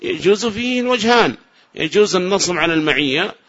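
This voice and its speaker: Bright-voiced man teaching grammar. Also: high voice, lively intonation. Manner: asks the class questions and answers them himself; repeats key phrases slowly. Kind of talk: classroom grammar lesson. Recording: dull lo-fi lecture recording.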